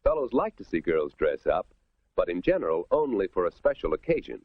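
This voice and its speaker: A man's voice: deep voice, big pitch swings, a little fast, no echo, narrow, tinny audio. An American man narrating a 1950s instructional film from a script, folksy and instructive, on a vintage soundtrack. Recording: thin, band-limited vintage film soundtrack.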